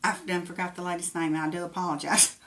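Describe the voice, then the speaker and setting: Female craft livestream host, Tennessee Appalachian accent, bright forceful voice, folksy and chatty. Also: on the low side, flat delivery, fast. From Tennessee, United States. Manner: folksy, chatty, thanks viewers by name. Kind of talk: casual live craft demonstration, greeting viewers.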